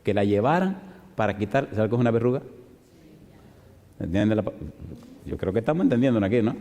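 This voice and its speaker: A man's voice: fairly low pitch, brisk. Man preaching in a reverberant hall. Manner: animated, asks the audience rhetorical questions. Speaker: pastor. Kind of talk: sermon storytelling. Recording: long reverb of a large hall.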